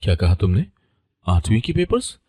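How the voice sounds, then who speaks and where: A man's voice: sits low, a little fast, darkish tone, husky. A man voicing a harsh, angry young groom who scolds his new bride in a story. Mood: shocked. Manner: snarling, scolding.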